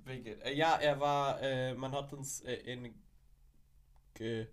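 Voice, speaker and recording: Teen boy host, casual and chatty, trips over fillers, dry quick reactions. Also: mid-range voice, fairly even intonation. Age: teens. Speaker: podcast host. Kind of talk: casual chat.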